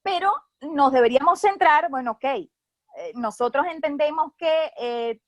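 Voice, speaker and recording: High-voiced woman with a Venezuelan Caribbean accent. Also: no echo. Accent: Venezuelan Caribbean Spanish. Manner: didactic, checks in with short tag questions. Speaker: expert speaker on geopolitics. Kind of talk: explanatory talk, semi-formal.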